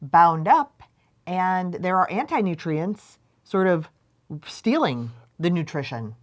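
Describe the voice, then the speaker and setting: A cheerful woman chatting casually as a co-host, laughing easily along the way. Her pitch moves a lot, rising and falling with her mood. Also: sing-song, slow pace. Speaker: life coach and co-host. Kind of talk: casual chat.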